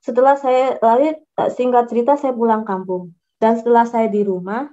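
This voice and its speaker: A woman recounts her personal testimony in a fairly high voice. She pauses, restarts and fills gaps as she goes. The recording sounds dull and lo-fi. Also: fairly even intonation, mellow. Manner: halting, with many restarts and fillers.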